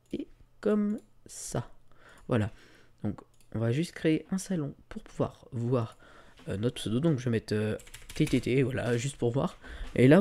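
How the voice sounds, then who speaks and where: A man giving a casual, screen-recorded tutorial, talking through each click with lots of fillers. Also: medium pitch. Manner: relaxed, talks through clicks with many fillers. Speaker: tutorial creator.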